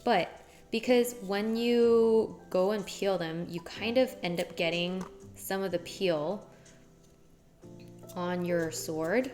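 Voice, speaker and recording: A woman chatting playfully to her viewers while she cooks in a kitchen. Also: fairly low pitch. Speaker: cooking streamer. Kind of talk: casual cooking chat. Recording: music playing behind.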